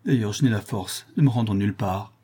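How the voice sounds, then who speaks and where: A man's voice: fairly low pitch, a little fast, warm tone, breathy edge. A man reading aloud and voicing a distraught young nun, broken and ashamed, with anguished, pleading speech.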